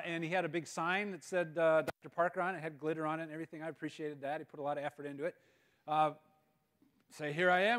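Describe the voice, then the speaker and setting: Guy preaching to students, tells a funny story, kinda high voice, gets loud at punchlines. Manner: storytelling with jokes, animated outbursts. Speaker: guest speaker. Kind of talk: humorous school chapel talk. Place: school assembly hall.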